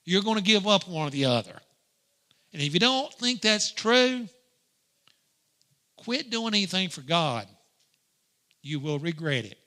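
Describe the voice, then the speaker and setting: A middle-aged man teaching a Sunday school lesson in a preaching style, emphatic and swinging from loud to hushed. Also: high voice, sing-song, unhurried, pauses often. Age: grandparent age, middle-aged or older.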